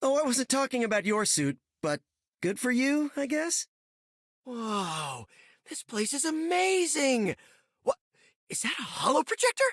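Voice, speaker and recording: A man's voice: extremely high pitch, big pitch swings, a little slow, fairly bright tone, no echo, studio quality, exaggerated voice. A man voicing a youthful, quippy, sunny superhero in a video game, boyish and wisecracking. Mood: excited. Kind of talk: video game character acting.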